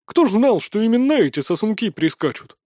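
A man voicing a towering female mercenary warrior who booms threats and rough teasing. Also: sing-song, brisk, dark tone, no room sound, clean studio sound.

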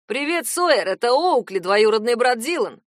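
A woman voicing a nosy, hotheaded young male cousin who keeps pressing with loud, insistent questions. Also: fairly high pitch, very animated, moderate pace, no echo, clean studio sound. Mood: scheming, mocking.

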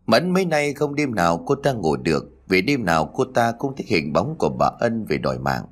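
A man narrating a ghost story in a steady storytelling manner. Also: lowish voice, fairly quick.

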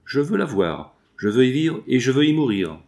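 A man's voice: medium pitch, very animated, moderate pace, a little mellow, voice pushed up. A man reading aloud and voicing a willful, impetuous eighteen-year-old girl who pleads insistently.

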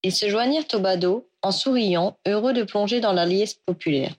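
A woman reads a story aloud at a steady pace. Her voice sits at a middle pitch. The telling stays even and clear. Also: normal speed. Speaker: reader. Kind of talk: audiobook reading of fan fiction.

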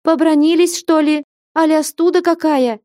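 A woman voicing a bold, impatient young woman who scolds and mocks in a raised, lively voice. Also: a little high, a little slow, dry recording, studio quality, pitched above the performer's own voice. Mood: scolding. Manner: scolding, insistent, mocking.

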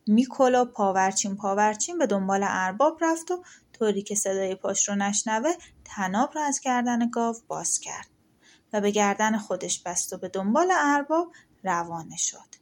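A woman narrating an audiobook of folktales in a steady, expressive storytelling manner. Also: medium pitch.

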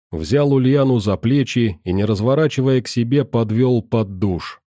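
Man narrating an audiobook, calm and even, warm dark voice, dry sound. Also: medium pitch, no echo. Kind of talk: first-person scripted narration.

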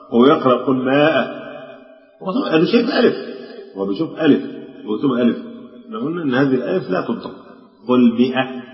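An older man with an Egyptian Arabic accent, lecturing on grammar and drawing out his spoken examples slowly, mixing formal and colloquial speech. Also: mid-range voice. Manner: explains with drawn-out spoken examples. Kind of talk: classroom lecture. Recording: echoey hall, dull lo-fi sound.

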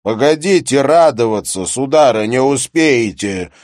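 A man's voice: mid-range voice, animated, a little mellow, no room sound, clean studio sound, close to an everyday voice. Man playing a sardonic grumbling provincial skeptic. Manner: sarcastic, blunt, drawn-out grumbling. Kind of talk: audiobook character reading.

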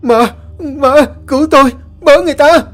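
A man's voice: mid-range voice, expressive, fairly quick, mellow, breathy edge, soft background music. A man voicing a panicked young man who shrieks and stammers in terror. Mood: terrified.

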